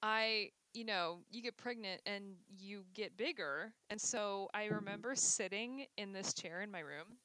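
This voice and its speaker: Chatty young woman, smooth voice. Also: mid-range voice, measured pace, few pauses, pushed and bright, no room sound, rough recording. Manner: candid, chatty, full of "like" fillers. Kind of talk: casual chat.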